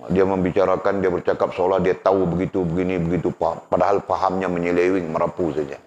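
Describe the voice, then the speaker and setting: A man's voice: sits low, flat delivery, fast, a little mellow, slight background noise. A man teaching a religious lesson in a conversational way, often asking his students questions. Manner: conversational, rhetorical tag questions, addresses students. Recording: dull lo-fi recording.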